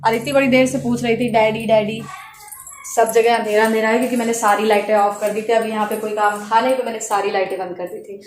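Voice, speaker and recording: A woman's voice: on the high side, little pitch movement, fast, hardly any pauses. A young woman chatting casually to the camera in a home vlog, talking straight to her viewers, recorded on a phone indoors at home. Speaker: family vlogger. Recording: echoey room, faint background noise.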